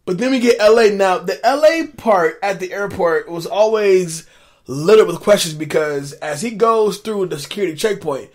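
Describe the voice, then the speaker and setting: Chill guy w a kinda higher voice talking through a movie plot, laid back, trails off. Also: normal speed, a little mellow. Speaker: co-host of a movie recap show. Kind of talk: casual movie recap chat.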